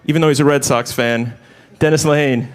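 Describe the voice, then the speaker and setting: A man's voice: a little high, fairly even intonation, fairly quick. Upbeat interviewer guy joking around, slight hiss behind. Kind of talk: press junket interview.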